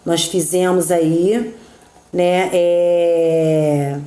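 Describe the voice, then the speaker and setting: Slow, patient woman teacher. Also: fairly low pitch, flat delivery, mellow, echoey room. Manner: slow and patient, checking in with frequent "tá?" and "né?"; counts out poetic syllables one by one. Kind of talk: recorded remote class, going through textbook exercises.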